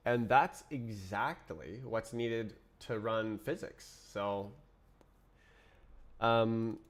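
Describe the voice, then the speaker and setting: A man whose voice sounds worn down by illness talks through his code on a live stream. He sits low in pitch and drawls slowly, trailing off mid-sentence and muttering bits of code to himself as he goes. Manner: muttering half-finished thoughts to himself. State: sick voice. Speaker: programmer streaming his coding. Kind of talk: thinking aloud while live coding.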